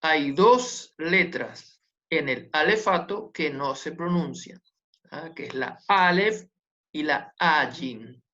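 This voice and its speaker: A teacher explains things slowly and patiently, going over each point again and checking that the class is following. The recording is dull and lo-fi, with the top end muffled. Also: medium pitch, lively intonation, pushed and bright. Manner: patient, repetitive, checks understanding with tag questions. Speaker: Hebrew teacher. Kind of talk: online class lesson.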